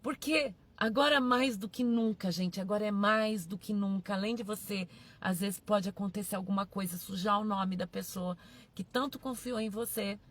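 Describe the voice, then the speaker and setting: A woman's voice: medium pitch, normal speed. A woman pastor, preaching a sermon emphatically, repeating her phrases and calling out to her listeners.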